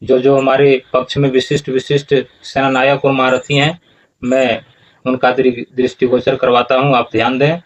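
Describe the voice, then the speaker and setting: A man teaching how to pronounce scripture verses, speaking slowly and deliberately and repeating phrases over and over. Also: medium pitch, flat delivery, highs cut off. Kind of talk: explaining verse pronunciation.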